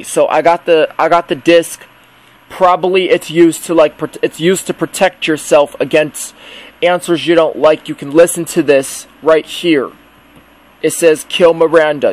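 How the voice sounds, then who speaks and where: A man rambling through a casual pretend-play narration, describing each step aloud as he goes. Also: a little high. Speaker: video creator.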